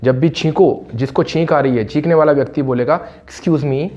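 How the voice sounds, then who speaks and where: A man teaching spoken English in a casual, chatty way, slowing down and repeating words for emphasis. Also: fairly high pitch, a little mellow. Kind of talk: casual classroom-style explanation. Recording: slightly dull lo-fi audio.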